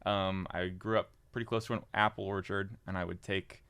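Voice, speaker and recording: A young man, a podcast guest, chatting casually with jokes and halting fillers. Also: deep voice, steady tone, a bit bright, clear, resonant tone. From Indiana. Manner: joking, self-deprecating, halting with fillers. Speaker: podcast guest, market board member. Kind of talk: casual interview chat.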